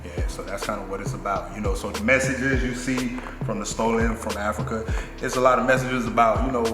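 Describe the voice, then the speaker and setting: A man from Nigeria who owns a clothing brand, speaking in a relaxed, thoughtful way with many fillers. His voice is fairly low. It rings through an echoey room with a long reverb tail, and music plays clearly behind him. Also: fairly quick. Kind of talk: casual interview.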